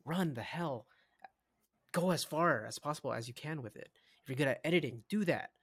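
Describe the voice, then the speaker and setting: A young adult man co-hosting a casual podcast, talking in an animated, rambling way with frequent restarts. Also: fairly high pitch, moderate pace, slightly rough. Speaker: podcast co-host. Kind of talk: casual chat.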